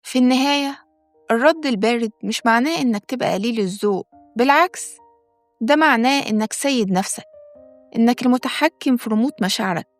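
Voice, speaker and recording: A woman with an Egyptian accent, reading a scripted self-help talk in a calm, measured way and speaking straight to the listener. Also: a little high, dry recording, soft background music. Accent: Egyptian Arabic. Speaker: self-help channel host. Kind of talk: scripted motivational narration.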